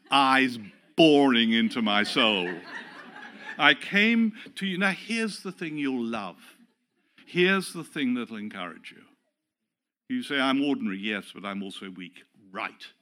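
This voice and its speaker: An older English pastor preaching to his congregation in a bright, ringing voice. He keeps it conversational and self-deprecating, and puts on little voices when he quotes people. His pitch sits in the middle for a man. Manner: chatty, self-deprecating storyteller who acts out quotes. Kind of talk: sermon.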